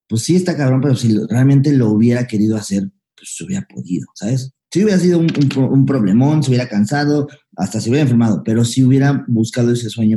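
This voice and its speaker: A young man with a Mexican accent telling his life story as a podcast guest, slangy and lively, acting out old conversations. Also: mid-range voice. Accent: Mexican Spanish. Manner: fast, slangy, acts out past dialogue. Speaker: guest, comedian. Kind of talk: candid storytelling interview.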